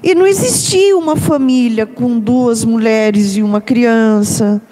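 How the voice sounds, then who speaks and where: A Brazilian woman with a slightly high voice talks slowly and thoughtfully, pausing on fillers and checking in with her listeners. Her voice carries a long reverb from the room. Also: mellow. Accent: Brazilian Portuguese. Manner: hesitant, many fillers and tag questions. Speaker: discussion participant. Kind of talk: personal reflective talk.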